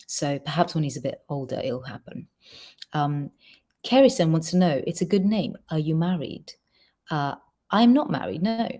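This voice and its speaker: During a relaxed livestream Q&A, a woman singer goes through questions from fans. She's from Georgia, a native Georgian speaker with a low, warm voice, and she chats rapidly, filling gaps with lots of ums.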